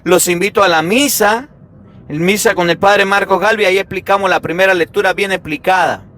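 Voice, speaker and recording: A male priest preaching a sermon in a lively, emphatic way, full of rhetorical questions. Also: sits high, brisk.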